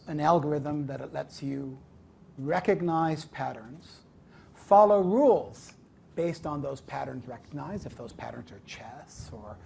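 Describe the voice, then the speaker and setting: A man explaining things as an academic panelist in halting, emphatic phrases. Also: fairly high pitch, vocal fry, darkish tone. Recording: live panel with background noise.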